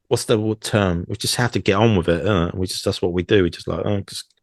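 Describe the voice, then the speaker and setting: Podcast co-host: low-pitched British guy, dead-dry mic, animated and cheeky. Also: quick pace, no room sound. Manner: animated, laughing, swearing. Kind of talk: casual chat.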